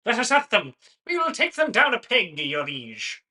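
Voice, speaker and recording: A man's voice: high-pitched, huge pitch swings, moderate pace, sharp tone, distant mic, pitched above the performer's own voice, heavily acted. A man voicing a tiny, eager, loyal pixie in a tabletop game, chirping in courtly words. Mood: feisty, eager. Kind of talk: tabletop game role-play.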